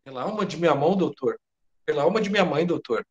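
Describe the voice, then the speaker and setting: A man's voice: fairly high pitch, expressive, fast, a little mellow, dull audio, close to an everyday voice. A man with a Brazilian Portuguese accent reading the part of a frightened head cook who babbles breathlessly and swears by his mother. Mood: rattled. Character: panicked middle-aged male head cook.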